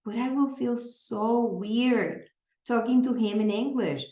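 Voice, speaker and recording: Her voice is fairly high yet dark, and she speaks slowly in a Spanish accent, being a native Spanish speaker. In an earnest training talk on serving families, she explains through everyday examples, recorded with a roomy echo.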